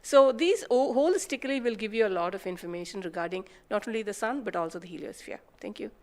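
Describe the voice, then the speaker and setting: A woman's voice: mid-range voice, lively intonation, quick pace, a little mellow. A woman scientist with an Indian English accent explaining an instrument, asking herself questions and answering them. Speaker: payload scientist. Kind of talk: explanatory talk on a broadcast.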